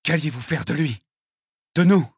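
A man's voice: fairly high pitch, normal speed, slightly rough, no room sound, clean studio sound, pitched above the performer's own voice. A man voicing a hard female agent who interrogates a captive with curt, cold questions.

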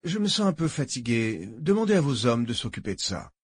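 A man's voice: medium pitch, very animated, brisk, breathy edge, dry recording, clean studio sound. A man voicing a cruel German officer who talks in an amused, mocking drawl, using German words. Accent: German words in his speech.

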